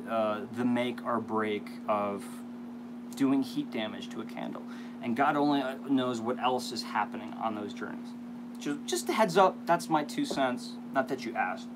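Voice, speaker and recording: A man's voice: mid-range voice, background noise. A man talking casually to viewers as a vlog host, rambling and hesitant with self-deprecating asides. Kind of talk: casual unboxing chat to viewers.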